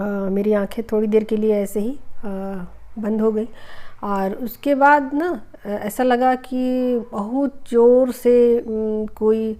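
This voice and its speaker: Chatty woman with a mellow voice. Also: on the high side. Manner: chatty, repeats phrases, many hesitation fillers. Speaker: spiritual healing channel host. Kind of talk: casual storytelling to viewers.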